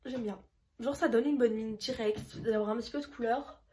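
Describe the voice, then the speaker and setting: A woman's voice: on the high side, steady tone, moderate pace, a little mellow. A young woman chatting casually and a little rambly while doing her makeup for a vlog tutorial. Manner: chatty, rambling, self-deprecating. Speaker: beauty vlogger.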